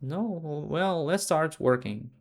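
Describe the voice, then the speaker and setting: A man's voice: on the high side, slow. A man co-hosting a live coding tutorial, teacherly, quizzing his partner and correcting her words. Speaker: tutor and co-host. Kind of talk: live screen-share tutorial.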